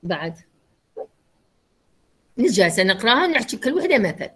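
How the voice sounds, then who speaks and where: A woman's voice: on the high side, very animated, brisk, a bit bright, husky. A woman doctor with an Iraqi Arabic accent giving a university lecture, explaining with acted examples and questions to her students.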